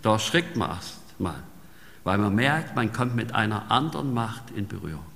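A man delivering a sermon with a gravelly, bright voice. He talks conversationally and keeps tagging sentences with a questioning "ne?". His voice rings with a long reverb in a large hall. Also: lowish voice, expressive, normal speed, a little hiss or hum. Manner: conversational, often tags sentences with "ne?". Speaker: preacher.

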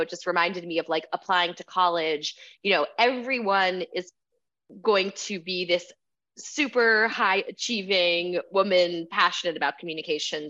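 A woman with a somewhat low voice moderates a panel. She speaks conversationally, affirming others with enthusiasm and opening up the discussion. The recording is a little dull. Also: a bit bright.

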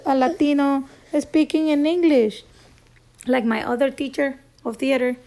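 A woman in her thirties from El Salvador, a Spanish native speaker with a Salvadoran accent, doing a stand-up monologue with halting restarts and chuckles between phrases. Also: sits high, gravelly, a little mellow. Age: 30s. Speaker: actress.

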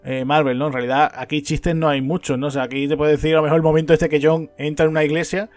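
A man co-hosting a casual film discussion, talking quickly and animatedly and often tagging his sentences with a question. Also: fairly high pitch, no room sound, faint music behind. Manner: quick, animated, keeps asking "¿no?". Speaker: podcast co-host.

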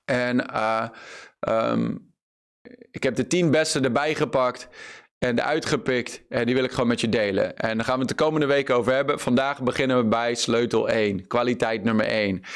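A man's voice: mid-range voice, normal speed, clean tone. A man preaching an online sermon as pastor, earnest and full of fillers and repeated words.

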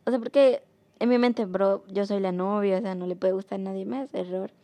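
Young woman with a gravelly, mellow voice. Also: medium pitch, steady tone, normal speed, dry recording. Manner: chatty, rambling, many fillers and restarts; mostly soft and subdued, rising when frustrated. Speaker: vlogger. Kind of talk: casual storytime confession.

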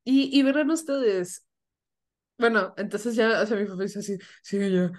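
A young woman, co-hosting a podcast and telling a family story in an animated way, laughing often and acting out voices. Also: a little high, normal speed. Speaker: podcast co-host. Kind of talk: casual storytelling chat.

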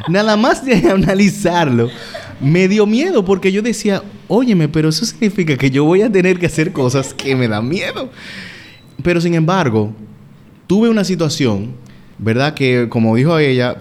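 A man earnestly telling a personal story in casual conversation, reflecting on his fears. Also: mid-range voice. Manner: earnest, self-reflective, animated retelling. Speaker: guest sharing a personal story.

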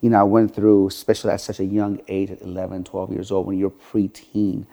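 The speaker, a middle-aged gym franchise owner from Iran, appears on a podcast and earnestly narrates his life story in interview form. His deep, gravelly voice is warm yet monotone and fairly quick, peppered with many "you know" fillers.

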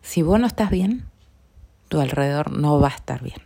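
Soft-spoken low Rioplatense woman. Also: expressive, moderate pace. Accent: Rioplatense Spanish. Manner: soft, earnest, often dropping to a near whisper. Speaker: podcast host. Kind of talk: reflective personal talk.

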